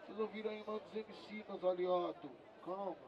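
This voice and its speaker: Casual: guy mc'ing a street rap battle, yells chants, lots of slang, high voice, sounds a bit far from the mic with a loud crowd around. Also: steady tone, a little fast, dull audio. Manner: shouting chants, slang-heavy, hoarse hype. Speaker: battle host. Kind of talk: hyping a crowd, announcing scores. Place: outdoor city square. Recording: distant mic with crowd noise. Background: cheering crowd.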